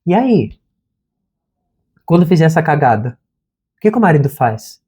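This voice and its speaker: A man's voice: fairly high pitch, very animated, normal speed, mellow. Casual man talking slangily. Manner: informal and conversational, slangy, says "cara" often. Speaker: therapist and channel host. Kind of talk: casual spiritual talk to camera.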